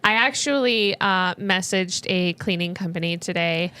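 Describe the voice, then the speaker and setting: A woman's voice: on the low side, a little slow, pushed and bright, clean tone. A young adult woman co-hosting a podcast, talking about a book in casual chat and laughing often. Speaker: podcast co-host.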